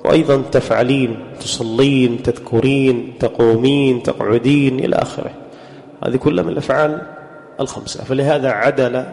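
A man teaching a grammar class. He quizzes his students and repeats example words slowly. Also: mid-range voice, darkish tone. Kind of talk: classroom lesson. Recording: long hall reverb.

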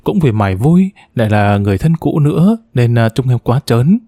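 A man's voice: medium pitch, very animated, normal speed, mellow, dry recording, clean studio sound. A man reading a story and voicing a chatty young woman who pleads sweetly. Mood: wheedling. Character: coaxing, wheedling young woman, the adopted sister.

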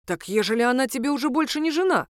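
A woman's voice: high-pitched, lively intonation, quick pace, dry recording, pitched above the performer's own voice. A woman voicing a bearded village priest, a blunt, hot-tempered man with folksy, scolding speech, in a dry recording. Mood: indignant.

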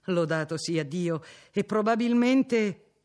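Elderly cardinal, read by a man: compassionate and earnest, slightly high voice. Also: slow, a little mellow. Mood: urgent. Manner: earnest, fervent pleading. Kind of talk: audiobook character reading.

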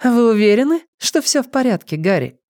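A man voicing a playful young woman in an audiobook, high and excited. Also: brisk, no room sound, studio quality, exaggerated voice.

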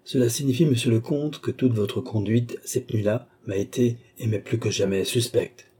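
A man's voice: medium pitch, moderate pace, mellow, slightly rough, natural voice. A man voicing a hot-headed young nobleman who speaks in indignant, clipped bursts.

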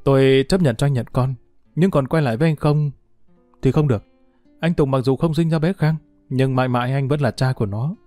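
A man's voice: medium pitch, fairly quick, dark tone, no echo, soft background music, lightly acted. A man voicing a young wife who reproaches her former lover through sobs, in a storybook reading. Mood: tearful. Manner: sobbing, bitter reproach. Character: young wife, tearful and resentful.

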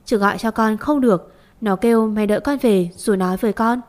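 A woman voicing a brisk, matter-of-fact older mother-in-law in a read-aloud story. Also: mid-range voice, a little mellow, close to an everyday voice.

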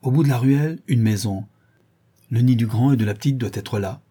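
A man voicing a rough, loyal Parisian ex-brawler who rambles in street slang. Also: mid-range voice, a little fast, dark tone, natural voice. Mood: confiding.

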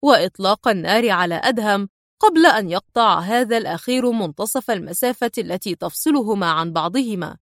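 A woman reads a novel aloud as an audiobook, steady and expressive. Her voice sits at a middle pitch. The recording is dry and close. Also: a little fast, no room sound. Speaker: narrator. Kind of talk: audiobook narration.

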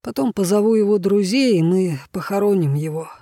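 Male narrator as an earnest young man, quiet, mellow, dry close sound. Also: high-pitched, fairly quick, dry recording.

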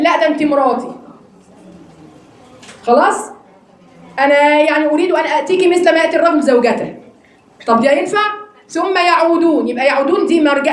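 Egyptian woman teacher, quick questioning delivery, recorded in a reverberant hall. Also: sits high. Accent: Egyptian Arabic. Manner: lively teacher asking the class questions. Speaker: Quran study teacher. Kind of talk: religious lesson to a women's class.

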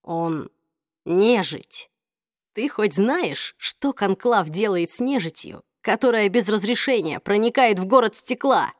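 A woman voicing a brooding young man, speaking low, slow and clipped in an audiobook reading. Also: animated, no room sound, studio quality, close to an everyday voice. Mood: cold.

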